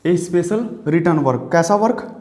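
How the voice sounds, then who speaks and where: A man's voice: fairly high pitch, lively intonation, normal speed, darkish tone. Man teaching vocabulary in an echoey room. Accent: Indian. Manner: explains patiently, repeats words and asks questions to the viewer; writes on a board while talking. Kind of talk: exam-prep vocabulary lesson.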